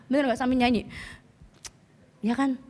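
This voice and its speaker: A woman pastor preaching a lively sermon with a hoarse voice, often calling out questions to the congregation. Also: sits high, moderate pace.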